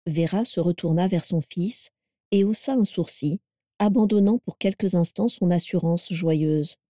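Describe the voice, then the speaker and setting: Brief: woman storybook narrator, warm and mellow, dry close sound. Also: on the low side, unhurried, dry recording.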